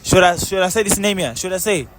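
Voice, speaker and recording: A man's voice: sits high, quick pace, music in the background. A young man from Cameroon chatting casually, teasing his friends and dropping in local slang. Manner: teasing, mixes in Zulu slang. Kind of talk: casual street chat.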